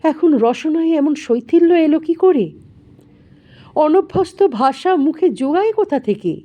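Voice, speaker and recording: Expressive woman storyteller, high lively voice. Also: a little slow, highs cut off. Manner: expressive, dramatic reading. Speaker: audio story narrator. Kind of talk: scripted storybook narration.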